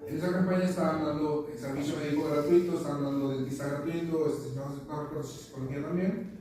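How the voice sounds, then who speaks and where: A man's voice: fairly high pitch, fairly even intonation, fast, dark tone. A man preaching a sermon, telling stories and repeating words as he searches for them. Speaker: pastor. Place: church meeting room. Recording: echoey church room from far off, faint noise.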